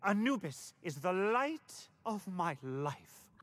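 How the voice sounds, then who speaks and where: A fussy, posh pet owner. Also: male voice, high-pitched, sing-song, slow pace, a bit bright, no room sound, full character voice. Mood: fretful. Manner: prim, fretful, posh. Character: fussy, pampering upper-class man fretting over his pet.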